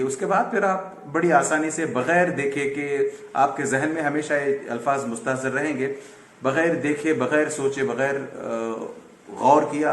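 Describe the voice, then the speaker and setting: A male teacher gives a patient pronunciation lesson, saying each word slowly and more than once. His voice sits in a middle pitch. The room around him sounds echoey. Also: slight background noise. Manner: patient, repeats words slowly for drill; mixes Hindi-Urdu with English words. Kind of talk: online language lesson.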